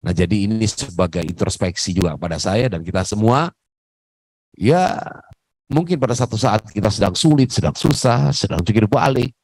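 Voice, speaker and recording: Lower-voiced male radio moderator. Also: expressive, normal speed, darkish tone, no room sound, low-quality recording. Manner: conversational, reflective. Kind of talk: religious talk on radio. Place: radio studio.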